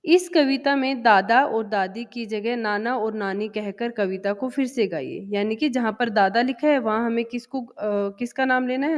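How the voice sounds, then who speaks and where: A woman teaching a first-grade Hindi lesson, patiently repeating words and asking the children questions. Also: on the high side. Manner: chants the poem slowly and sing-song. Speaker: primary school Hindi teacher. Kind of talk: explaining a textbook lesson to young children. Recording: dull lo-fi sound with long reverb.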